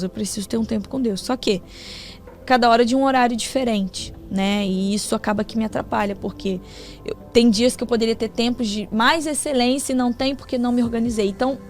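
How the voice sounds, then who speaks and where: Animated Brazilian woman sharing testimony. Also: on the high side. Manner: animated storyteller, laughs a lot. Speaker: interview guest.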